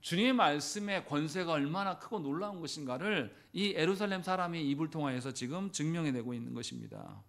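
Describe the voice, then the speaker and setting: A man pastor preaching a sermon in a church, acting out quoted lines with sudden loud bursts. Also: a little high, very animated, a little fast, vocal fry, hardly any pauses. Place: church sanctuary.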